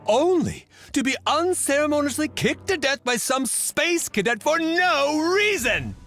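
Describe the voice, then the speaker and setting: A man's voice: very high-pitched, sing-song, a little slow, a bit bright, faint music behind, heavily acted. An actor playing a bitter, sarcastic male antique dealer in a game, scolding and mocking.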